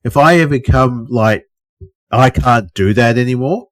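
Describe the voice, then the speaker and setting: With lively intonation and a mid-range voice at a moderate pace, a middle-aged Australian co-host banters on a casual podcast. He recounts stories, voices other people's dialogue and drops casual swears.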